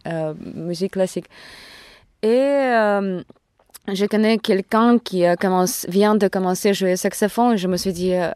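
A woman with a foreign Russian accent in French speaks casually as an interview guest, haltingly searching for words in a language not her own. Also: mid-range voice, a little mellow, smooth, dry recording, studio quality. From Siberia, Russia. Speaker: interview guest, jazz saxophonist.

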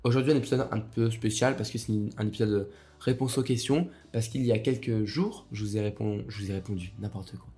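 A young man with a cold-roughened voice hosting a casual solo podcast, rambling with many fillers and restarts. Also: fairly low pitch, fairly even intonation, a little fast, mellow. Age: young adult. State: hoarse from a cold. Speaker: podcast host.

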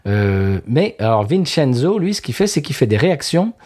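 A man co-hosting a relaxed conversation at a middle pitch, his voice rising and falling in a lively way. He stammers and restarts often as he talks. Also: moderate pace, breathy edge. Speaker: podcast co-host. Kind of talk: casual chat.

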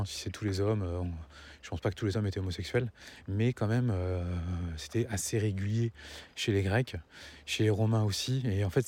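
Husky, low-voiced man rambling casually. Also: darkish tone. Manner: rambling, halting, stammering and swallowing words. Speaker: vlogger. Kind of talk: casual opinion monologue addressed to viewers. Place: outdoors, walking, nearing a road.

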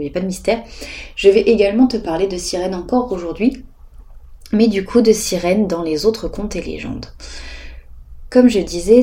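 A woman's voice: fairly low pitch, warm tone. A woman hosting a casual educational podcast from home, chatting informally to the listener with plenty of filler words. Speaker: podcast host. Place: at home, dog lying beside her.

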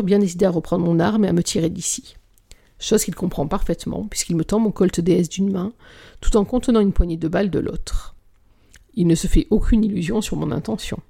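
A reader narrating a novel aloud at a measured pace, sometimes sinking into a whisper. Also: mid-range voice, creaky, mellow, slightly rough. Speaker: audiobook reader.

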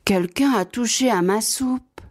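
A woman voicing the middle-sized bear in a storybook reading, in a plain, even voice. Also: fairly high pitch, measured pace, pitched above the performer's own voice. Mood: puzzled.

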